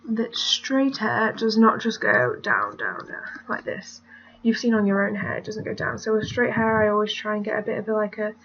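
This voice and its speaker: A British woman with a higher voice gives a casual, rambling drawing tutorial as she works, often drifting off into mutters and whispers. She records on a computer mic at her family home, so the audio is lo-fi with a little background noise.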